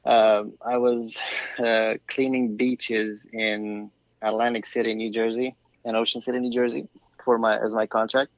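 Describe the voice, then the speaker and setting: A Romanian man around forty, a flooring craftsman, tells his story conversationally as a podcast guest. His lowish voice shows little pitch movement and an unhurried pace with no echo. The remote call sounds dry and slightly dull.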